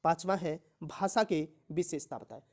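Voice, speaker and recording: A woman teaching an exam-prep Hindi lesson, reading verses slowly and then explaining them, often asking herself a question and answering it. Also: low voice, a little mellow. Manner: recites verse slowly with rising emphasis, then explains in plain terms.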